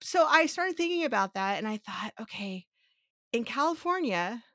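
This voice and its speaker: A native Spanish speaker hosts a casual podcast, thinking aloud with restarts and rhetorical questions as she explains things step by step to her co-host. Her fairly high voice is sing-song and sharp, at a moderate pace, recorded with studio quality and no room sound.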